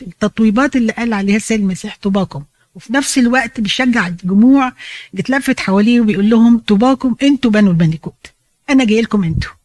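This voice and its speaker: A woman's voice: medium pitch, no echo. A woman with an Egyptian Arabic accent gives a conversational Bible teaching, explaining in a chatty way and slipping in English phrases.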